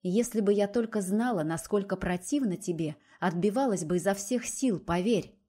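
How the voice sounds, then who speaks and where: A hurt, defiant young woman who pleads in a strained, raised voice, read by a woman narrator. Her tone is mellow but tight with resistance. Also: medium pitch, normal speed, close to an everyday voice.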